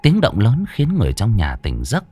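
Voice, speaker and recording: A man's voice: lowish voice, moderate pace, husky. A man narrating a horror folk tale in a dramatic storytelling style. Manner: animated, swooping delivery. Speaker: audiobook narrator.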